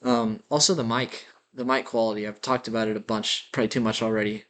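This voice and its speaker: Walking around a house with a built-in laptop mic, this vlogger muses in a self-deprecating ramble for his audio journal, a slight lisp audible. His voice is lowish, fast, and a little bright with fairly even intonation, and dogs' claws click nearby.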